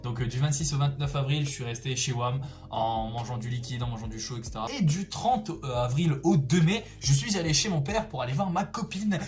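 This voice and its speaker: A young man chatting casually through a personal story, slangy and expressive, exclaiming for emphasis. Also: medium pitch, brisk, hardly any pauses. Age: young adult. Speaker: storytelling vlogger.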